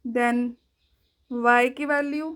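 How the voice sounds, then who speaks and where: Slow, high-voiced woman teaching math. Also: fairly even intonation, a bit bright, clear, resonant tone, poor audio. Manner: slow, deliberate dictation of working. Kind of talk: step-by-step math lesson.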